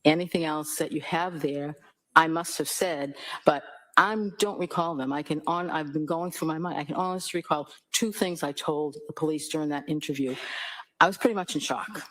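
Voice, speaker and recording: A woman's voice: sits low, normal speed. A woman testifying as a witness in a courtroom, answering hesitantly and carefully. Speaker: trial witness.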